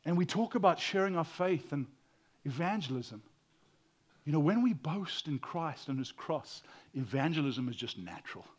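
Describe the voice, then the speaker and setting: A pastor preaches a sermon in a loud voice, shifting between hushed whispers and loud exclamations, often stammering and repeating words. His voice is on the high side, husky and animated, at a moderate pace.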